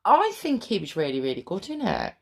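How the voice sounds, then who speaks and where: A woman's voice: low-pitched, wildly swooping pitch, fast talker, vocal fry, a little mellow, breathy edge. A woman co-hosting a podcast in casual chat, with dry asides. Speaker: podcast co-host.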